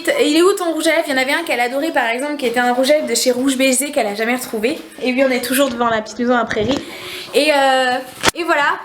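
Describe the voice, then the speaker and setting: A young woman with a regional French accent, vlogging casually into a handheld camera, chatty and quick to laugh. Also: high voice. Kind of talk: casual vlog chat.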